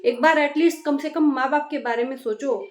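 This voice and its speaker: A woman's voice: high-pitched, brisk, roomy sound. A woman vlogger giving a scolding, exasperated reaction monologue that repeats phrases for emphasis.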